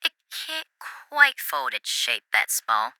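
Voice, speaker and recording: A woman playing an eerily serene wall-dwelling caller in a whispered role-play, with a nervous, hushed, confessional manner on a comedy radio show. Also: extremely low pitch, huge pitch swings, slow, no room sound, heavily acted. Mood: uneasy, hushed. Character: creepy, serene woman living inside house walls.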